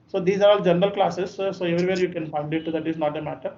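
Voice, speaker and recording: A man's voice: high voice, steady tone, racing, darkish tone. A man with a Telugu Indian accent talking informally to online students as their trainer, often checking in with okay and right. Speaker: software course trainer. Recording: muffled online call with background noise.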